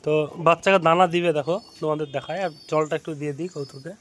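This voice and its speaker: A man's voice: fairly high pitch, steady tone, very fast, slight background noise. A man with a Bengali accent casually vlogging on a rooftop, explaining as he feeds his pigeons. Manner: chatty, explaining while feeding birds. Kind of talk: casual vlog to camera. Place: outdoors on a rooftop.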